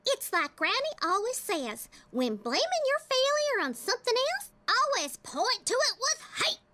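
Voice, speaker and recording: A woman's voice: very high-pitched, sing-song, measured pace, dry recording, exaggerated voice. A woman voicing a scheming, gleefully mean cartoon little girl. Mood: folksy. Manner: folksy, sly, gloating. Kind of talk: cartoon voice acting. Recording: loud music behind the voice.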